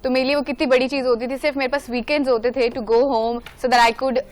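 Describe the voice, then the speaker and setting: A woman's voice: sits high, level tone, fast talker. A woman in her twenties co-hosting a morning talk show, switching between English and local speech in a reflective way. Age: 20s. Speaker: co-host. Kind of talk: casual talk show chat.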